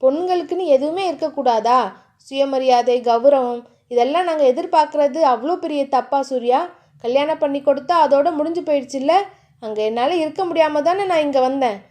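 A woman's voice: high-pitched, normal speed, mellow, close to an everyday voice. A woman voicing a hurt young wife, indignant and tearful in her pleading.

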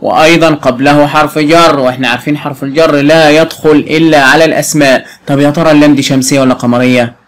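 A man with an Egyptian Arabic accent teaching a young pupil, spelling out words slowly and quizzing her as he goes. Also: on the high side, fairly even intonation. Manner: slow, clearly spelled out words with frequent quiz questions. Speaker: primary school Arabic teacher. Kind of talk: patient classroom explanation to a young pupil.

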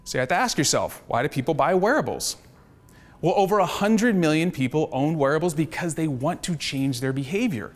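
An upbeat man delivers a startup pitch to investors, his voice pitched a little high. He talks with a salesman's energy. A long reverb trails behind each phrase. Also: lively intonation, brisk. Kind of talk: business pitch presentation.

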